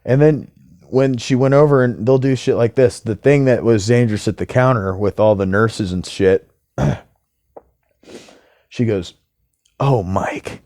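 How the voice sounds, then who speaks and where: A man's voice: mid-range voice, measured pace, long pauses, darkish tone, no echo, clean studio sound. A man talking in a casual monologue to camera as a vlogger, ranting heatedly and swearing.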